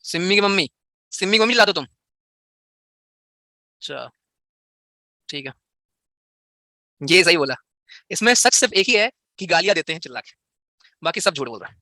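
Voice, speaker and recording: A man's voice: high voice, expressive, moderate pace, pauses often, pushed and bright, no echo, studio quality. A young man teaching physics in a live online class, playful and teasing as he banters with his students.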